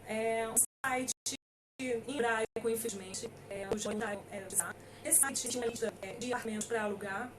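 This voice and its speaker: A woman's voice: fairly high pitch, fairly even intonation, normal speed, far from the mic, crowd noise. A middle-aged Brazilian woman lawyer giving an informal talk, hesitant with many fillers and emphatic on key points. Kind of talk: informal lecture.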